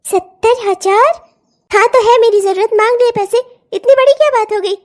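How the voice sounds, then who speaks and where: A woman voicing a bold, sharp-tongued young bride in a cartoon, scolding and defiant. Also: extremely high pitch, steady tone, a little fast. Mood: threatening. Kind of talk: cartoon voice acting.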